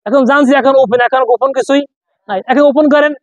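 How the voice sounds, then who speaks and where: In a classroom lesson, a man teaches a class to read Quranic letters, drilling the spelling of sounds by call and response and posing questions he then answers himself. His voice is very high-pitched and fast, and the recording is dry and muffled.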